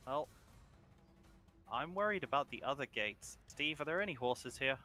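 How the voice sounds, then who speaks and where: A man's voice: mid-range voice, lively intonation, moderate pace, pushed and bright, soft background music. A man playing a tabletop game, talking eagerly with the group. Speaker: player. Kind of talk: casual game talk.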